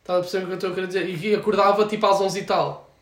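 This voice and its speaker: A man's voice: high voice, fairly even intonation, rapid-fire, echoey room. A young man with a European Portuguese accent chatting casually in a rambling, slangy way full of filler words. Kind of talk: casual chat.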